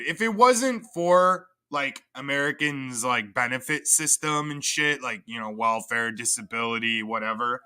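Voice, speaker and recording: A man's voice: a little high, bright, forceful tone. A man hosting a livestream, crudely and profanely mocking in a casual rant. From Canada. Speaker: livestream host.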